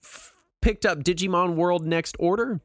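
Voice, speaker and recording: A man hosting a podcast in casual, jokey, self-deprecating chat, his throat raspy from a cold. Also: high-pitched, moderate pace, no echo, clean studio sound. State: sick with a mild throat cold and cough. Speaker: podcast host.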